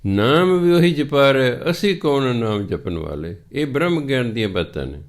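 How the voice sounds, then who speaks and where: A man with a Punjabi accent giving a scripture sermon, reciting verses slowly and then explaining them patiently in plain talk. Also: medium pitch, animated. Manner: patient, teacherly, repeats points.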